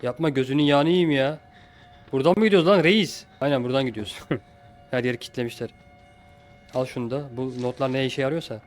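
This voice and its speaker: A man doing a let's play commentary of a horror game, swinging between frantic yelling at pursuers and quiet muttering. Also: medium pitch, quick pace, faint music behind. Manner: frantic shouting at pursuers, then calm muttering. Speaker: gameplay streamer.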